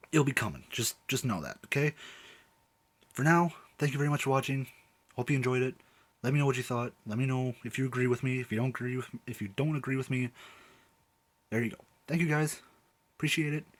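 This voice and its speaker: A young man reviewing movies in a casual rant to camera, exasperated and emphatic, repeating his points. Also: medium pitch.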